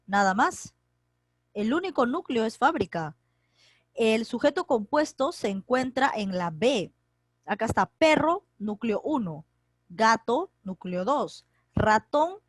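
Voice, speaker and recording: A woman's voice: on the high side, no echo. A woman teacher running an online class for young secondary pupils, calling on students by name and asking and answering her own questions as she explains grammar. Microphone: computer mic on a video call.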